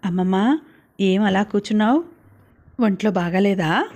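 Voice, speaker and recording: A woman voicing a caring young woman who gently questions her grandmother. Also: mid-range voice, normal speed, natural voice. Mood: concerned.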